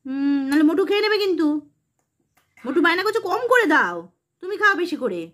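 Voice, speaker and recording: Young mom with a really high voice, quick gentle questions to her little kid, playful chat. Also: very animated. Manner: coaxing, asks many gentle questions. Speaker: mother filming her young son. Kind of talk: casual play chat with a small child.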